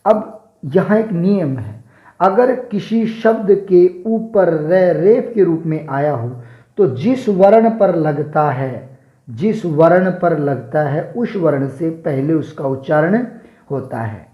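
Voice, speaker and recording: A man teaching an exam-prep language lesson, slowly reading out answer choices and repeating words to show how they are pronounced. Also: on the high side, animated, reverberant, lo-fi sound. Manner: slow, deliberate spelling drills, repeating words to show pronunciation.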